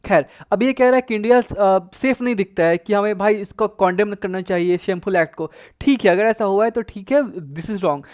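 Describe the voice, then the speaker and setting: A man's voice: high voice, moderate pace, few pauses, a little mellow. A man hosting a casual cricket commentary vlog, chatty and indignant, with frequent hesitations and restarts. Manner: chatty, indignant, mixes in English phrases. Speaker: cricket channel host.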